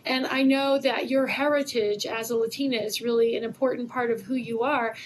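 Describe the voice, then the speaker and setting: Woman, HR leader, friendly interviewer, higher voice, faint noise behind. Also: steady tone, fairly quick, low-quality recording. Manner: friendly, admiring, prepared questions. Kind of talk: corporate interview.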